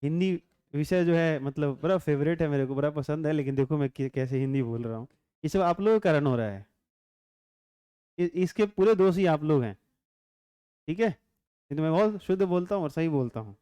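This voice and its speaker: A man teaching physics in a calm, unhurried way, chatting and joking with students and often checking whether they follow. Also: fairly high pitch, clear, resonant tone, dry recording. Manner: chatty, joking asides, constant rhetorical check-ins. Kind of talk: classroom lecture.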